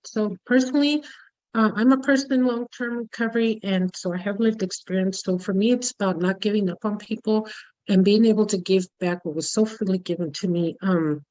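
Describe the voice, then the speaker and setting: A woman's voice: medium pitch, darkish tone, muffled recording. A woman in long-term recovery who works in harm reduction, sharing in a casual, upbeat way on a video call. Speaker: harm reduction outreach worker. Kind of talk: online workshop share.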